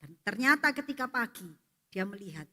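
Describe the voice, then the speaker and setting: Brief: woman pastor, lively sermon storytelling, long church reverb. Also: mid-range voice, brisk. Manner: storytelling, lively, asks for assent with "ya".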